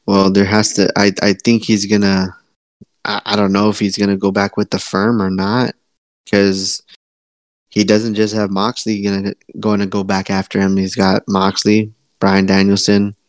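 A man co-hosting a wrestling podcast, chatting casually and excitedly, swearing and restarting his sentences. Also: lowish voice, moderate pace, no room sound. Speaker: podcast co-host.

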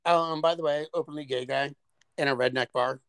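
A man co-hosting a podcast in casual chat, animated and profane, telling stories with big exaggeration. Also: on the high side, fairly quick, clear, resonant tone, no echo. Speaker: podcast co-host.

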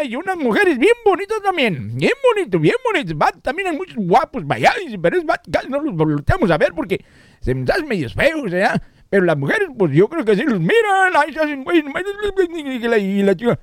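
Guy doing a squeaky bawdy old man, voice jumps all over, dry sound. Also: no echo, exaggerated voice. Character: crude joking old Mexican man.

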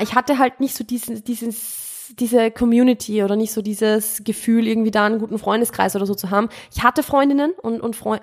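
A young woman hosting her podcast, answering listener questions in a chatty, rambling way, often correcting herself and dropping in English words. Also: medium pitch. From Austria. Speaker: podcast host. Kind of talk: casual Q&A monologue.

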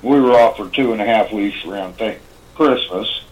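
A man's voice: fairly low pitch, moderate pace, rough recording. A man chatting casually as the co-host of a talk show. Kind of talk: casual chat.

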